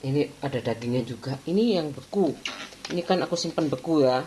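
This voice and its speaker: A woman's voice: low voice, expressive, brisk, warm tone, slight background noise. A woman chatting casually in her home vlog, laughing often. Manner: chatty, laughs often, mixes in Javanese words. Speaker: vlogger.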